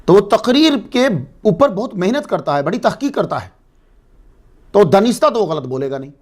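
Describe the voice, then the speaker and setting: A man's voice: sits high, big pitch swings. A man giving a religious lecture to a congregation, explaining patiently and asking and answering his own questions. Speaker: religious speaker.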